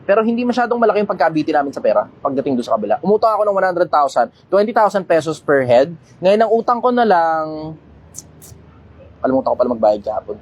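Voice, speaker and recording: Man, livestream host, blunt, swears casually, high voice, very fast talker. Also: big pitch swings, highs cut off. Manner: blunt, swears casually, loud when making a point. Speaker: livestream host answering questions.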